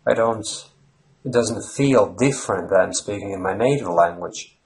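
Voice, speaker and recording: Based in Ireland, this Latvian-accented host of a language-learning channel explains things at length off the cuff, wandering with fillers and restarts. He talks at normal speed in a fairly low, darkish voice.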